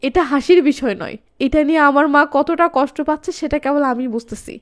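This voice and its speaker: High, fast-talking woman recapping a movie. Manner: lively, reads dialogue of all characters in her own voice.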